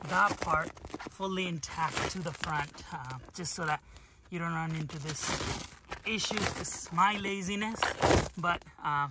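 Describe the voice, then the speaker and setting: Heavy background noise surrounds a man in his thirties with a fairly high-pitched voice. He casually reviews a product outdoors beside a car, moving around the trunk and demonstrating it by hand as he chats.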